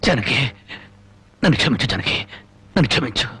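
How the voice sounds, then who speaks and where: A man's voice: mid-range voice, very animated, fairly quick, slightly rough, dry recording, heavily acted. An actor playing a remorseful gambling husband who pleads with his wife in grief, in a film drama. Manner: pleading, repeatedly calling his wife's name. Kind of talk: Telugu film drama acting. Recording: film soundtrack with loud music behind.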